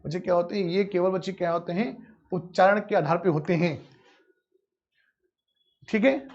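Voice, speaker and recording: High-voiced grammar teacher. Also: male voice, steady tone, moderate pace, darkish tone. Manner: calls students "beta", asks and answers his own questions. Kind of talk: live online class lecture. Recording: dull lo-fi audio.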